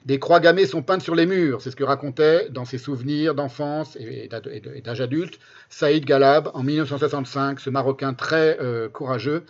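A man's voice: medium pitch, moderate pace. A man reading quotations aloud and adding spoken asides, emphatically repeating key phrases for stress. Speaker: commentator presenting a history book. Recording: dull, lo-fi sound.

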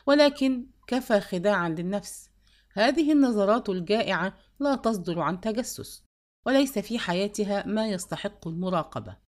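A woman narrating a novel as an audiobook, measured and expressive. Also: medium pitch.

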